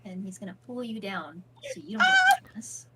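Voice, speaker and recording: A woman's voice: medium pitch, big pitch swings, a little fast, creaky, very noisy. A woman chatting casually and role-playing as a player in a tabletop game. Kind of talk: casual role-play chat.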